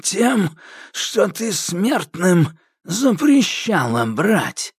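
A man voicing a smug, immortal old sorcerer with a creaky voice in an audiobook. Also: sits high, sing-song, very slow, no echo, clean studio sound, voice pushed up, exaggerated voice. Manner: scornful, superior, drawling. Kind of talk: audiobook character voice.

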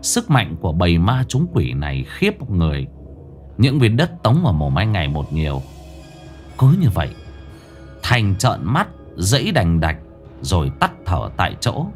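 Man telling a ghost story, lively low voice. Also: unhurried. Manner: theatrical, swinging delivery. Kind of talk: dramatic ghost story narration. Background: faint music.

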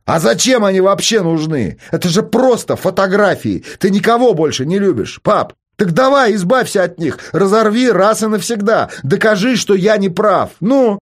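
A man reading a novel aloud, voicing a provocative adult son who needles and shouts at his father. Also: fairly high pitch, sing-song, moderate pace, voice pushed up. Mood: shouting. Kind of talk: audiobook character voice.

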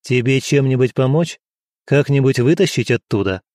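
A man's voice: mid-range voice, moderate pace, darkish tone, no echo, studio quality, natural voice. A man voicing a young male nobleman who teases a rival in a purring, mocking way. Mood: plain. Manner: purring, teasing.

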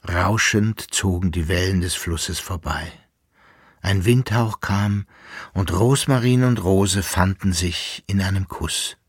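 A man narrating a literary audiobook in a calm, measured manner. His voice is deep and husky, and the sound is dry and close to the mic. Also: no echo.

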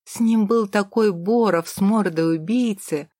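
A woman's voice: mid-range voice, dark tone, no room sound, lightly acted. Woman voicing coarse frantic woman boss, hissed urgent lines, dry close mic. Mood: frightened. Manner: hissing hurried whisper, coarse. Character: brash woman boss, panicky and crude.

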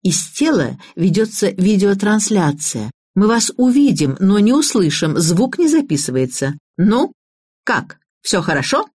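Woman narrator doing brisk commanding organizer lady, husky, lively delivery. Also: mid-range voice, no room sound, clean studio sound. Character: bossy middle-aged woman game organizer.

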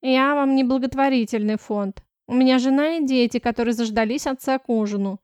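A woman's voice: high voice, fairly quick, darkish tone, no echo, pitched above the performer's own voice, natural voice. A woman reader voicing a stout middle-aged male notary who speaks dryly and curtly in an audiobook. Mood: gruff. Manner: dry, curt, barking.

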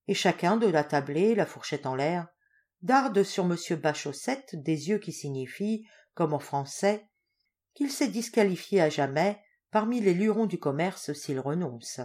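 A woman narrating a literary audiobook with an expressive, animated delivery. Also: fairly low pitch, measured pace. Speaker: audiobook reader.

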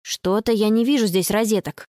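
A woman's voice: mid-range voice, steady tone, normal speed, mellow, no room sound, clean studio sound, lightly acted. A woman voicing a prickly, sulky young girl who snaps and grumbles, in a storybook reading. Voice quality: snappish, sarcastic.

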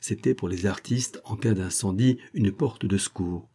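Low husky male audiobook narrator. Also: normal speed, mellow. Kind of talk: scripted narration.

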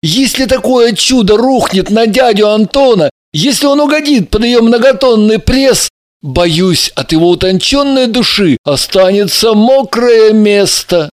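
A woman's voice: on the high side, animated, unhurried, voice pushed up. A woman reader voicing a brash, sarcastic young man who mocks and declaims with pathos. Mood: mocking.

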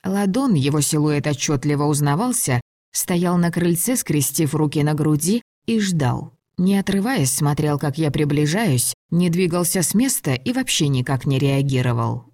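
Woman audiobook narrator, lower voice, measured, dry close recording. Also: expressive, warm tone, dry recording. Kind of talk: first-person audiobook narration.

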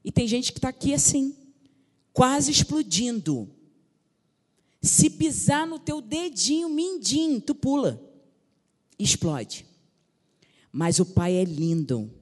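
A woman's voice: fairly high pitch, very animated, slow, long pauses. Fervent woman pastor in a reverberant church. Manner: fervent, calls out to the congregation. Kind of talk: sermon. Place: large church sanctuary.

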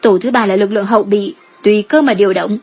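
A calm, shrewd female guild strategist weighs her options in a measured, reasoning tone, as a woman reads her lines. The voice is slightly breathy and sits at an ordinary middle pitch. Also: dull audio, faint music behind.

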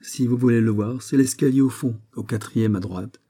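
A man's voice: medium pitch, moderate pace, mellow, lightly acted. A man voicing a building concierge who gives plain, matter-of-fact directions.

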